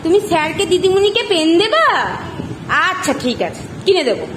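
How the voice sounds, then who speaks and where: A woman's voice: very high voice, expressive, fairly quick, fairly bright tone. A woman talking to her small child in a playful family home video, coaxing and doting as a mother. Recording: noisy home video recording.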